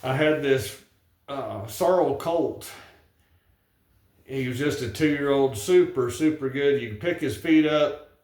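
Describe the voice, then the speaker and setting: A man with a rural Western American cowboy twang speaks in a roomy, echoing space. His pitch sits in the middle for a man, and he tells things in a folksy, plain-spoken way, like a working horseman reciting his own verse. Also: slow, pauses often, a little mellow. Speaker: cowboy poet and horse breaker. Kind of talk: cowboy poetry recital with storytelling. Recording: echoey, roomy sound.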